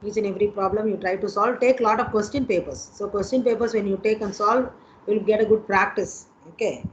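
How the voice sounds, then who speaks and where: A woman's voice: mid-range voice, fairly even intonation, brisk. Indian woman lecturer on a dull, lo-fi call. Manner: repetitive, instructive, checking in with students. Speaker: engineering lecturer. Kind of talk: online exam coaching lesson. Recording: dull lo-fi online call with noise.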